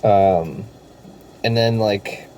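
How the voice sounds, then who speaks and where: A man's voice: on the low side, extremely slow, a little mellow, a little hiss or hum. A man chatting casually in a vlog, telling stories loosely with lots of filler words, indoors. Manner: laid-back storytelling with filler words. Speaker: vlogger.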